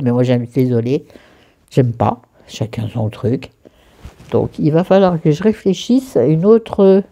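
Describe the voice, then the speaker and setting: A woman's voice: a bass voice, mellow. A woman filming a casual skincare vlog at home, chatty and self-mocking, rambling into crude asides. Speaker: beauty vlogger. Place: bedroom at home.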